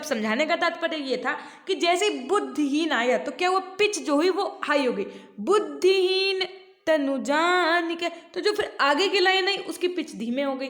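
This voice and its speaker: A woman teacher with an Indian accent giving an online class, mixing Hindi and English, asking her students questions and reading English lines slowly. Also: high voice, a bit bright, roomy sound.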